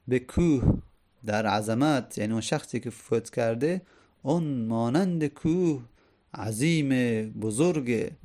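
Mellow-voiced male teacher explaining poetry. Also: mid-range voice. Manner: explains line by line, rhetorical questions to students. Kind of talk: lecture explaining classical poetry.

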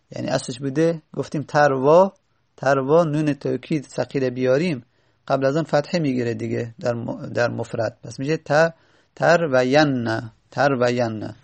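A man teaching a grammar lesson, slowly repeating and sounding out word forms and correcting himself as he goes. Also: fairly high pitch, vocal fry, a little mellow.

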